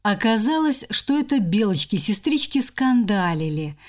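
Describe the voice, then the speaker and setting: A woman narrating a children's forest story in a gentle, expressive storytelling manner. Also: medium pitch, moderate pace.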